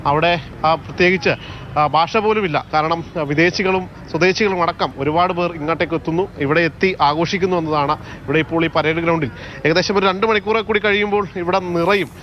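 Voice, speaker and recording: A man with a Kerala accent reporting live as a TV field reporter, pausing often on drawn-out fillers. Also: a little high. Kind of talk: live news report and street interviews. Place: outdoors at a festival ground. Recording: dull outdoor audio, loud street noise.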